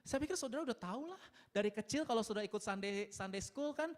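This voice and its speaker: A married man preaching a sermon in a chatty, animated way, laughing often and mixing in English words. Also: very high voice, quick pace. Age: adult, married. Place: church service.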